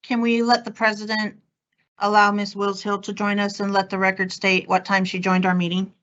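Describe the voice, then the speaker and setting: A woman's voice: mid-range voice, little pitch movement, normal speed, fairly bright tone. A woman assisting at an online board meeting, interjecting politely. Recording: muffled video-call audio.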